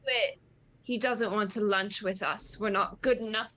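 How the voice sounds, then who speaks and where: A woman's voice: medium pitch, fairly even intonation, unhurried, pushed and bright. A woman voicing a blunt, naive, pushy female barbarian who goads others in a tabletop game. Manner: blunt, goading.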